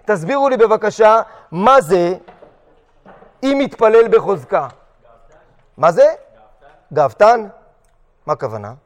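A man teaching a halakha lesson to yeshiva students, animated, often questioning the class and acting out short quotes. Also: high-pitched, pauses often, in a large hall.

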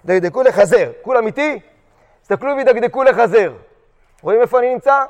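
A man teaching a halakha lesson to yeshiva students, animated, often questioning the class and acting out short quotes. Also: extremely high pitch, big-room sound.

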